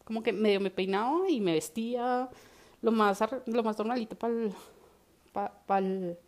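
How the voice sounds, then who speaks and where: A woman's voice: a little high, measured pace. A woman with a Colombian accent, co-hosting a casual podcast chat and telling personal stories animatedly. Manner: animated storytelling. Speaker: podcast co-host.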